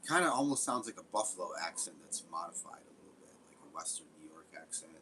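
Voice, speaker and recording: Deep-voiced man rambling over gameplay. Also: expressive, quick pace, pushed and bright, slight background noise, low-quality recording. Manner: rambling, profane, swearing often. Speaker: game streamer. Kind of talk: casual gameplay commentary.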